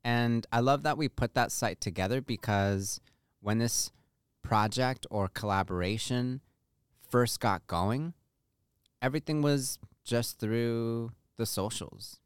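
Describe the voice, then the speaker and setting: A man co-hosting a podcast in relaxed, conversational chat. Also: mid-range voice, slow, clean tone, dry recording, studio quality. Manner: relaxed, conversational, uses "like" often. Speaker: podcast co-host. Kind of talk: casual chat.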